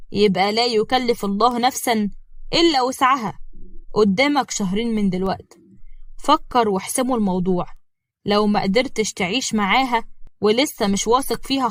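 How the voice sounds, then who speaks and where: A woman voicing a calm, wise older father with an Egyptian Arabic accent, giving measured advice. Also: on the high side, dry recording, clean studio sound, natural voice. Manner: calm, advising.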